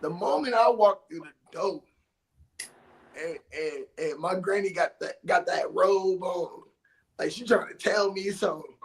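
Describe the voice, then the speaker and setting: High-voiced animated young man. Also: a little slow, gravelly, rough recording. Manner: animated, laughing, loud outbursts, slangy. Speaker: podcast co-host. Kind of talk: casual storytelling chat.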